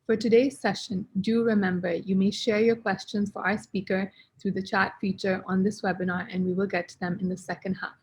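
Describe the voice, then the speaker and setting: A woman's voice: mid-range voice, level tone, brisk, hardly any pauses, husky. A woman hosting a webinar over a video call, reading a polite introduction and asking questions with a few fillers. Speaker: webinar host. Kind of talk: scripted introduction and interview questions.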